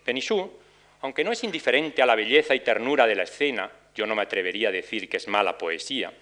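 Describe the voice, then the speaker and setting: Measured male lecturer, bright tone. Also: fairly low pitch, lively intonation. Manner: measured, reads ballad verses with slower cadence. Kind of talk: academic lecture reading quoted ballads. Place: lecture hall.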